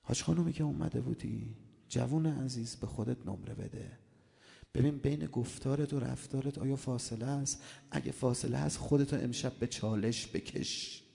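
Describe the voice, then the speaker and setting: A male preacher giving an impassioned sermon, swinging between hushed and loud. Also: mid-range voice, steady tone, gravelly. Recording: long hall reverb.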